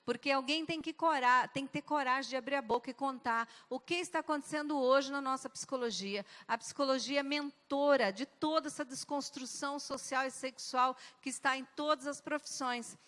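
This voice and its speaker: With a high, fairly bright voice and barely a pause, a guest speaker recounts her own testimony from a church pulpit at normal speed. She tells it with drama and emphasis, suddenly shifting her pace, while the big hall adds a lengthy echo.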